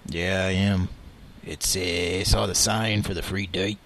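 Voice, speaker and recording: A man making prank phone calls on a late-night stream, mild and polite but persistent. His voice is a little low but bright and forceful, with faint background noise. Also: fairly even intonation, measured pace. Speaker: prank caller and co-host.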